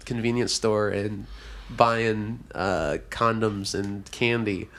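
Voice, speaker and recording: A man's voice: on the low side, steady tone, slow pace, a bit bright. A man co-hosting a casual comedy podcast, telling rambling stories and laughing often.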